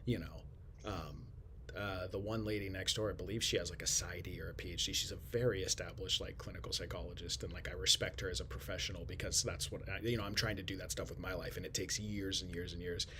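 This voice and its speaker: A young man with a low voice hosts a casual podcast from a shared office. He keeps things hushed and quiet, rambling along with lots of fillers. Faint noise sits under his voice. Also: steady tone, fast. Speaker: podcast host.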